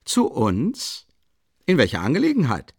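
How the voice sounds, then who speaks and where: A man's voice: medium pitch, huge pitch swings, a little slow, breathy edge, dry recording, studio quality, voice pushed up, heavily acted. A man voicing a jovial, chatty middle-aged police lieutenant in an audiobook, effusive and rambling, stumbling over his words. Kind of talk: audiobook character reading.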